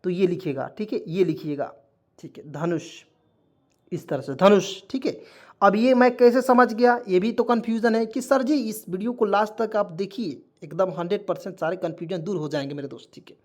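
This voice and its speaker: A man's voice: high-pitched, a little fast, darkish tone. A man teaching an online lesson, spelling words out letter by letter, repeating himself and checking in with viewers again and again. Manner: repetitive, keeps checking in with viewers.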